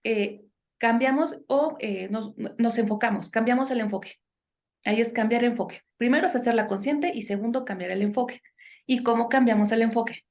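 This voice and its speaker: A woman's voice: on the high side, normal speed, a little mellow. A woman, a guest in a conversational podcast interview, giving earnest advice and often tagging her sentences with questions and "este" fillers. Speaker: guest speaker on impostor syndrome.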